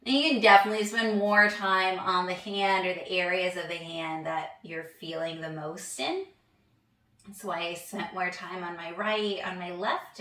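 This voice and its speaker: A young woman guides a hand massage practice in a relaxed, chatty way. Her voice is low with a gravelly edge. She sounds a little away from the mic in an echoey room. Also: far from the mic. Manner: relaxed, chatty, laughs at herself. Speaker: yoga instructor.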